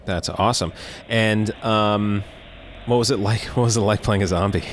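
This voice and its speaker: Low voiced guy hosting a horror show interview, chatty n appreciative, bit halting, noisy audio. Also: fairly even intonation. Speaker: host of a horror-themed show.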